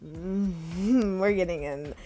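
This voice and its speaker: A woman's voice: on the low side, takes it slowly, mellow, faint music behind. A woman vlogger chatting casually in a playful, profane, gushing way. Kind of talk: casual chat.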